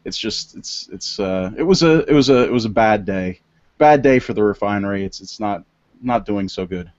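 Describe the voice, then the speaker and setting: A man's voice: fairly low pitch, brisk, darkish tone, dry recording. A man hosting a political podcast, talking in a rambling way with many stammered restarts. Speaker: podcast host. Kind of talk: casual political podcast chat. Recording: dry, dull lo-fi sound.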